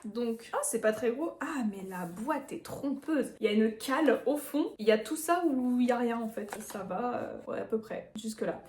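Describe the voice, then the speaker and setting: A woman's voice: a little high, animated, normal speed, hardly any pauses, background noise. A woman chatting casually through a product unboxing, rambling with fillers and little laughs. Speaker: nail artist reviewing products. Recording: echoey room.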